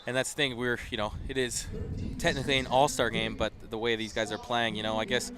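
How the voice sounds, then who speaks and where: A man doing live play-by-play for a high-school football game, chatting loosely and breaking into excited shouts on big plays. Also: quick pace. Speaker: play-by-play commentator. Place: outdoor football stadium. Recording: live stream from a stadium crowd. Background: crowd.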